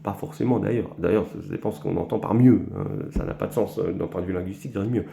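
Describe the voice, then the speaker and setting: A man from France explaining language learning in a lecture, halting often with fillers and repeated words. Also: low voice, gravelly, mellow, roomy sound. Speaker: language teacher.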